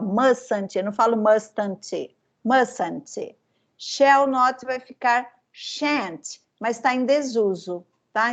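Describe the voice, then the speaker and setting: Slow, patient Brazilian woman teaching. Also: fairly high pitch. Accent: Brazilian Portuguese. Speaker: English teacher. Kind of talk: online class explanation. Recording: muffled lo-fi class recording.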